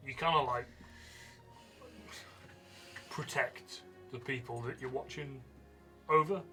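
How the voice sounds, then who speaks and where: A man's voice: medium pitch, fairly even intonation, takes it slowly. A British man at a gaming table, lecturing his friends in a mock-stern, teasing way. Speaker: player. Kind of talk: casual table chat. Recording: background music.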